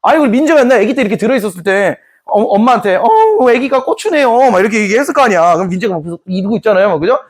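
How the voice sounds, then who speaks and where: A man's voice: high voice, expressive, very fast, hardly any pauses. A man teaching a history class in a playful, joking way, acting out scenes. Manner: playful, jokey, acts out scenes. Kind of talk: lively classroom lecture.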